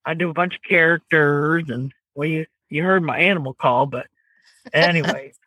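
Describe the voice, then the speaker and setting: A woman's voice: deep voice, moderate pace, dry recording, rough recording. A comedian woman with a Southern US accent, chatting casually and animatedly in an interview. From American South. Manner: chatty, animated, laughs easily. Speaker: comedian guest.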